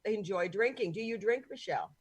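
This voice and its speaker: A woman's voice: mid-range voice, expressive, fairly quick, breathy edge, dry recording. A woman hosting a podcast over a video call, teasing and blunt in casual chat. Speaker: podcast host.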